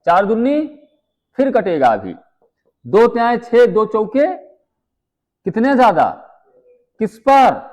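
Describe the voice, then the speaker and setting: A man teaching maths, chatty and firing quick questions at his students. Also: sits high, sing-song, a little mellow. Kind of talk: live online exam-prep class.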